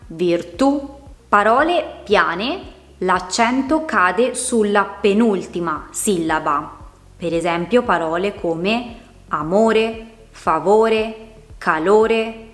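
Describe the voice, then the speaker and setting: A woman gives a patient lesson at an unhurried pace, sounding out each word syllable by syllable. Her voice sits in a middle register. The room around her rings with noticeable echo. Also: medium pitch. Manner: spells out words syllable by syllable. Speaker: Italian teacher. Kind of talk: slow, clear explanatory lesson.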